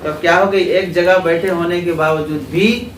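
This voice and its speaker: A high-pitched man with a Pakistani Urdu accent teaches a class at a religious school, his intonation fairly even. He explains terms, questions his students, and repeats their answers back in a call-and-response lecture. The room echoes, the mic is distant, and background noise is clear.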